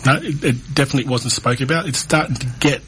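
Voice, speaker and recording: A man from North Queensland with an Australian accent, a mental health coordinator guesting on a studio radio interview, talking in a relaxed way with easy laughs. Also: mid-range voice, fast talker, a little hiss or hum, poor audio. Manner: relaxed, laughs easily, uses fillers. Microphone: studio mic.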